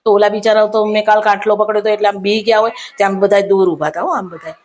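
A woman tells a comic anecdote straight to camera. She recounts it with lively exasperation and raises her voice when she acts out what others said. Her pitch sits in a middle range. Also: quick pace. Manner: animated retelling, acting out quoted lines in raised pitch. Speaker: comic storyteller.

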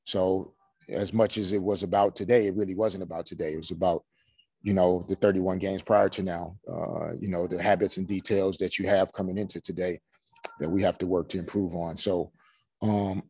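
A man in his forties, a head coach answering postgame press questions in a measured way, full of "you know" fillers, over a video call. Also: low voice, steady tone, mellow, slightly rough, dry recording. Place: small room before a team logo backdrop. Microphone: video call webcam.

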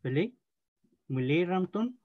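Man, language teacher; slow and careful, keeps checking in with students; dry, muffled recording. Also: high voice, big pitch swings, no echo. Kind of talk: online language class.

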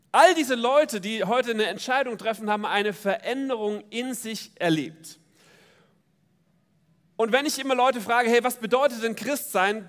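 A man preaches at a baptism service with a lively, direct manner, often turning to the congregation. His voice sits high for a man. The sound carries a long reverb from the church around him. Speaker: pastor.

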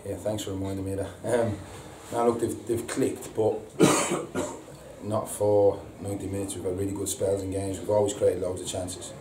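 In a noisy, echoey indoor press room with a sponsor board behind him, a thirty-something manager from England talks after the match. He hesitates, repeats words and says um a lot, his voice low and steady. It's recorded on a far-off microphone with noticeable hiss.

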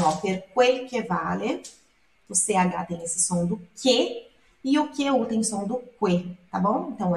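Brazilian lady going through song lyrics line by line, echoey room, a bit far from the mic. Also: medium pitch. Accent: Brazilian Portuguese. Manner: explanatory, repeats words for pronunciation. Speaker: Italian language teacher.

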